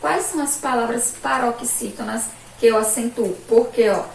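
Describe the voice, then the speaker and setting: A woman teacher with a Brazilian Portuguese accent leads a children's video lesson, her slightly high voice sliding up on questions and slowing to stress each syllable. She sounds set back from the camera. The classroom gives her an echoey, roomy sound. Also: vocal fry, far from the mic, a little hiss or hum. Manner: cheerful, sing-song questions to pupils, slow stressed syllables. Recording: echoey room, voice from off-mic.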